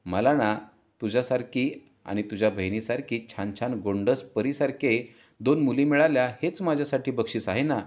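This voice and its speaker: A man's voice: medium pitch, normal speed, darkish tone, natural voice. A man playing a jovial, talkative father who jokes and teases his daughter. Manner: chatty, joking, teasing.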